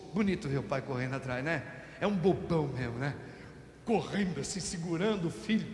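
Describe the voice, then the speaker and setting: A middle-aged Brazilian priest giving an Easter homily, telling folksy stories with everyday examples. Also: male voice, sits high, a bit bright. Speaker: parish priest. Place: parish church. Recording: echoey church with long reverb.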